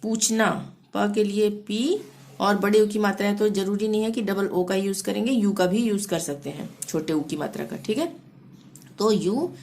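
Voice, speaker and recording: A woman teaching a language lesson, spelling words letter by letter and repeating phrases slowly and patiently. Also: medium pitch, gravelly, darkish tone. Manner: repeats "theek hai" to check understanding. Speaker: Hindi teacher.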